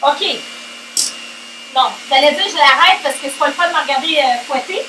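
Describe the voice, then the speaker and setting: Hosting a lighthearted home cooking vlog, this Québécois French-accented woman jokes around, drops in English words and sings short chants. She speaks high at a moderate pace, far from the mic. A hand mixer whirs loudly in the echoey kitchen.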